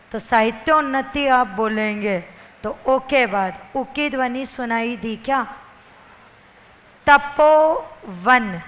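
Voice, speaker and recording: A woman's voice: on the high side, fairly bright tone. A woman teacher giving an exam-prep grammar lecture. She asks questions and answers them herself, and drawls words out syllable by syllable. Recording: long reverberant room echo.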